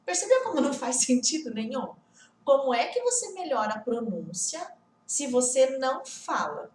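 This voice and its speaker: A woman's voice: high voice, very animated, moderate pace, darkish tone, a little hiss or hum. Chatty woman teacher, echoey room. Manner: chatty, asks many rhetorical questions. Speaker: English teacher. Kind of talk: online lesson to camera.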